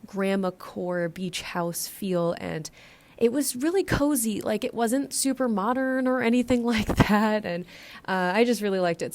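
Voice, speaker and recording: An American woman talks in a slightly low-pitched voice that sounds blocked in the nose, as if getting over a chest cold. She runs a little short of breath. Her delivery is a chatty, rambling, informal commentary for a gaming video. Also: darkish tone. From United States. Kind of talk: casual scripted-loose voiceover commentary.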